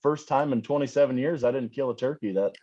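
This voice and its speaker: Forties dude on a muffled, lo-fi call, plain talking, jokes about being old. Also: male voice, mid-range voice, quick pace, mellow, slightly rough. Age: 40s. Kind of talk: casual chat.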